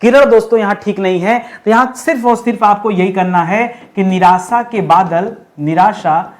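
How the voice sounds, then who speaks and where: A man teaching an exam lesson, repeating words slowly while writing and asking and answering his own questions. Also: sits high. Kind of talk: classroom-style lesson.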